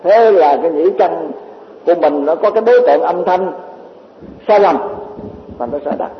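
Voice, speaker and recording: Male Buddhist teacher, high voice, rambling dharma talk with repeated words, dull lo-fi hall recording. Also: normal speed, slight background noise. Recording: echoey hall, dull lo-fi sound.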